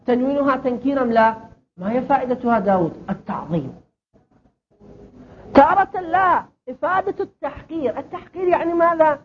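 A woman teaching a class, asking questions and answering them herself as she explains. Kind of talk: classroom lesson on Arabic grammar and rhetoric. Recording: dull lo-fi recording with faint rumble.

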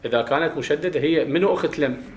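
A man with an Iraqi Arabic accent teaching a grammar class, explaining step by step, questioning his students and slowly chanting verses. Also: a little high, a little mellow, lo-fi sound, a little hiss or hum. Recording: roomy classroom echo.

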